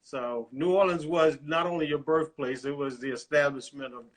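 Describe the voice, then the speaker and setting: An older man from the US, a retired officer, recalling his career in a measured, proud way during a family chat. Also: on the high side. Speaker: guest, retired Coast Guard officer.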